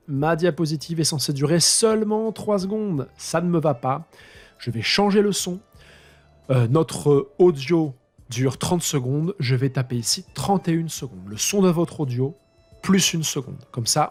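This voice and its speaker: A husky-voiced male teacher records his screen tutorial, explaining each step straight to his students as he clicks along. His delivery is unscripted and a little improvised, with faint music behind him. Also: fairly high pitch, lively intonation, moderate pace. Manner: talks through each click while improvising, addressing his students directly. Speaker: high school teacher.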